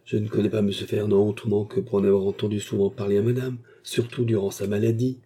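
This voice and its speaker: A man reading aloud, voicing a sly young chambermaid who speaks in a sugary, falsely tearful way, with a husky voice. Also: fairly low pitch, little pitch movement, fast, mellow. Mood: feigned pity.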